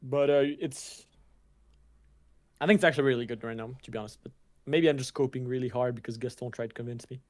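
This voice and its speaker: A young man co-hosting a card game stream, slangy and laid-back, who often trips over his words and starts again. His voice sits at an ordinary pitch for a man. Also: fast, a little mellow. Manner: casual, stumbling restarts, slangy. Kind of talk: livestream commentary.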